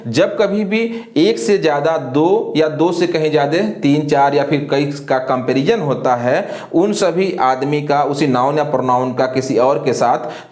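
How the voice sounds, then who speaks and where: A man teaching an English grammar lesson, who asks questions and answers them himself, slow and deliberate, often spelling words letter by letter. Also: on the high side, a little mellow, echoey room. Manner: slow and deliberate, repeats filler phrases.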